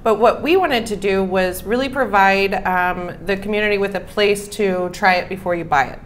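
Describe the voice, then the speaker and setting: A woman in her thirties, appearing as a guest from a local business, explains things casually at a normal speed in a medium-pitched voice. She is recorded indoors in a small bar room on a clip-on lapel mic, with faint room noise.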